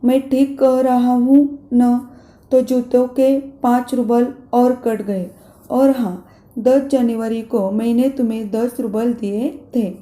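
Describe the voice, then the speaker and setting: A woman's voice: a little high, fairly even intonation, slow pace, mellow. A woman voicing a stern, stingy male house master who scolds and counts off deductions, in an echoey room.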